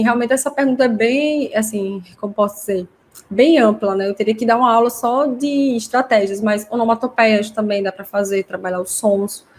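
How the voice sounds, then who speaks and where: Casting note: woman, somewhat high voice, chatty live-class host answering viewers. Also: darkish tone. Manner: chatty, explanatory, reads comments aloud. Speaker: host teaching parents.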